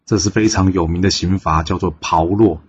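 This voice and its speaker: A man narrating a traditional tale in a lively storytelling manner, switching voices for each character. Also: low-pitched, moderate pace. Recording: dull lo-fi recording with faint background noise.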